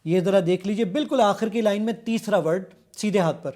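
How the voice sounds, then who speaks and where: A man with a Pakistani Urdu accent demonstrating a software app step by step as a guest in a television studio. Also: high voice. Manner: eager, explanatory, walking through features step by step. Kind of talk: product demonstration on a TV show.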